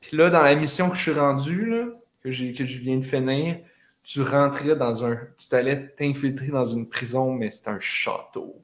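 A man with a Quebec French accent talks casually, stringing his story together with lots of fillers. His voice sits at a middling pitch. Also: fairly even intonation, normal speed. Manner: rambling storytelling with frequent fillers. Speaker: gamer recounting a video game. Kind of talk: casual chat.

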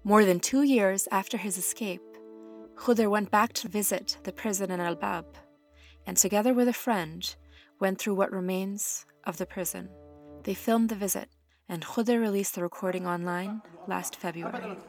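Medium-pitched woman narrating over clear music. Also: normal speed. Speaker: news narrator. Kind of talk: scripted news narration.

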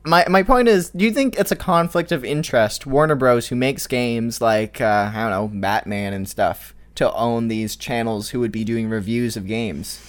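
A man's voice: mid-range voice, normal speed, hardly any pauses, clean tone. A man from Canada hosting a casual podcast, chatty and hesitant, with many fillers as he brings up news. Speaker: podcast host. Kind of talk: casual chat.

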